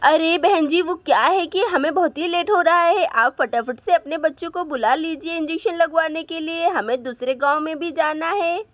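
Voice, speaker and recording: A woman voicing a brisk, businesslike village lady doctor who is in a hurry, in a doll story. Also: extremely high pitch, fairly bright tone, no room sound. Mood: hurried. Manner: hurried, businesslike.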